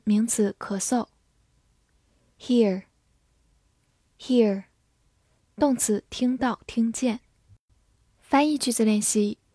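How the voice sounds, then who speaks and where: A woman whose first language is Chinese, teaching English words in a scripted lesson, spelling each word and repeating it slowly. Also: on the high side, a little mellow, breathy edge, no room sound, clean studio sound.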